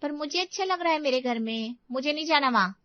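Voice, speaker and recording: A shrill, sulky young bride in a cartoon story, played by a woman, her high voice snapping into petulant complaints. The sound is dry and dull, like a lo-fi studio take. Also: expressive, fast, no room sound. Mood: sulky, angry. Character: sulky young bride, quick-tempered and tearful.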